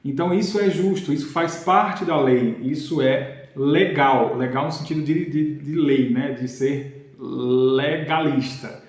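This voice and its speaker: A man's voice: fairly high pitch, a little slow. A man reads a Bible passage and explains it with casual asides. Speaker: Bible teacher. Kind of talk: reading and explaining scripture. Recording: very echoey room.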